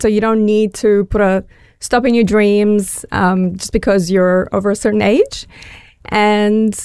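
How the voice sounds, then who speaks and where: A woman's voice: mid-range voice, darkish tone, smooth, no echo, clean studio sound. A woman in her forties from Bulgaria, a guest on a radio interview, talking in an upbeat, earnest way. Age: 40s. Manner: upbeat, earnest, with many fillers. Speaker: magazine editor, pageant finalist.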